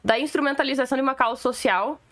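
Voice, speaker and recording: High-pitched gaúcho woman ranting on a live stream, sarcastic and fed up. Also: fast, fairly bright tone. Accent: Gaúcho Brazilian Portuguese. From Rio Grande do Sul, Brazil. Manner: sarcastic, opinionated, exasperated. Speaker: political commentator. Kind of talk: casual livestream rant.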